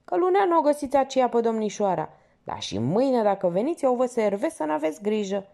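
A woman's voice: on the high side, sing-song, gravelly, mellow, voice pushed up. A woman voicing a fawning, gossipy older male theater porter in a novel she reads aloud. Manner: obsequious, gossipy, exclaiming.

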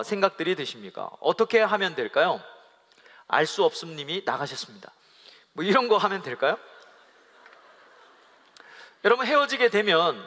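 A male pastor with a high, ringing voice delivers a lively, humorous sermon, playfully acting out couples' quarrels in quoted dialogue. He leads the congregation in call-and-response, and his voice carries through the long reverb of a large worship hall.

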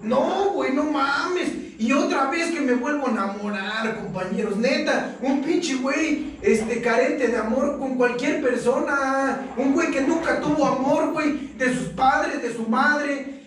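A man's voice: extremely high pitch, a little slow, hardly any pauses, a bit bright. A young Mexican man giving a raw, slangy, profane and emotional personal testimony at a recovery meeting. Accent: Mexican Spanish. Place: meeting hall. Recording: echoey room, distant mic.

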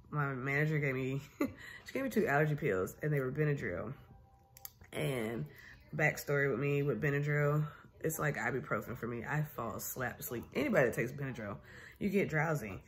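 Holding her phone at arm's length, a young woman vlogs from an armchair in a small room of her home. Her voice is bass, and she's worn out while recovering from a sinus infection, yet she chats openly and casually, telling stories with lively energy and laughter.

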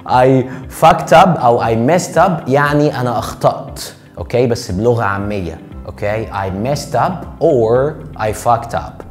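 A young Egyptian man with an Egyptian Arabic accent, teaching English phrases in a joking, slangy way and drawing out the examples slowly. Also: medium pitch. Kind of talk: casual online English lesson. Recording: faint music behind.

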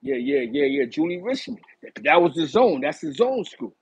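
A gravelly, high-pitched voice at normal speed belongs to a middle-aged host from East Harlem, New York City, who has a New York accent. He tells stories to a live chat from a small bright room, animated and using his hands a lot while reminiscing. The recording is low quality with a little hiss or hum.

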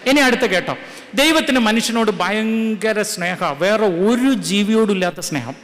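Man preacher, higher voice, pushes the congregation to answer him, reverberant hall. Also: expressive, normal speed, fairly bright tone. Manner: rhetorical questions, urging the crowd to answer aloud. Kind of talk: sermon to a congregation. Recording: echoey hall with faint ambience.

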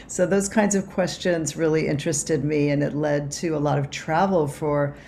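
A woman from Cuba, an author and anthropologist, answering interview questions over a video call in a reflective way with many pauses and restarts. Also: sits low, fairly even intonation, a little mellow, slight background noise. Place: home office.

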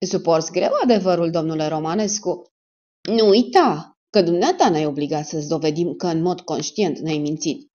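A woman's voice: low voice, warm tone, close to an everyday voice. A woman reading the part of a stern male security major who presses a suspect with cold sarcasm, in a dull lo-fi recording. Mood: pressing.

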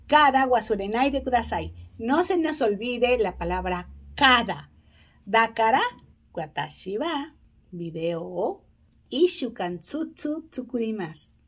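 A middle-aged woman with a husky voice, giving a language lesson to camera as a teacher, drawing out example phrases deliberately. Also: a little high, expressive. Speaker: Spanish teacher. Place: small indoor home office.

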